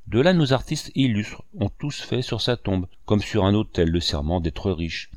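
Guy doing an aging painter in a storybook, wry and wistful, proud under it all, low voice, dry close sound. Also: lively intonation, moderate pace, darkish tone, dry recording, natural voice. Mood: wry musing. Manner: wry musing monologue addressed to a housekeeper.

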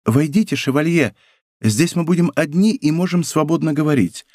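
A man reading an audiobook voices a gentle young female maid who speaks softly and pityingly. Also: fairly high pitch, expressive, normal speed, no echo, studio quality.

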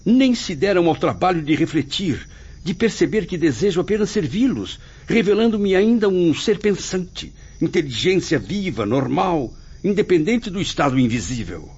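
In a muffled radio drama with faint music behind it, a man voices the proud, melancholy ghost of a dead writer in a radio soap, lamenting in a theatrical, literary way. His voice is high-pitched, darkish and husky, very animated at a moderate pace, fully in character. He sounds dejected and wounded throughout this dramatic soap performance.

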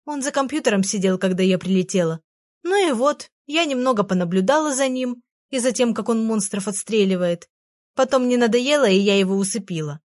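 A woman's voice: on the high side, animated, dry recording, studio quality, natural voice. A woman voicing a tiny, proud, easily offended female fairy in an audiobook, speaking pertly. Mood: offhand. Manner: pert and proud, quick to take offence. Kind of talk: audiobook character voice.

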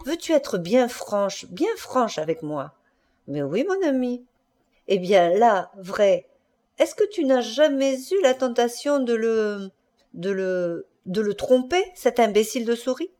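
A woman's voice: fairly high pitch, expressive, unhurried, dark tone, voice pushed up. A woman reading aloud and voicing a jealous middle-aged husband who badgers his wife, stammers when shaken and flares into fury. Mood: coaxing.

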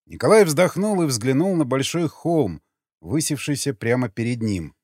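A man giving an expressive, measured dramatic audiobook narration. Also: mid-range voice, no echo. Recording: dry close mic, faint music.

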